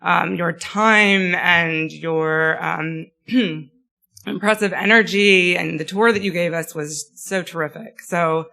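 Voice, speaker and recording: Hoarse woman, halting academic talk. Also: lowish voice, fairly even intonation, pushed and bright. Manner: many ums, self-deprecating and chatty. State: losing her voice, clearing throat. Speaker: guest speaker.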